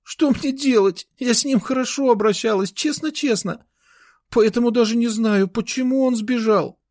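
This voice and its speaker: A man's voice: lively intonation, normal speed, darkish tone. Man doing a tearful little sister. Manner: pleading, high childish voice.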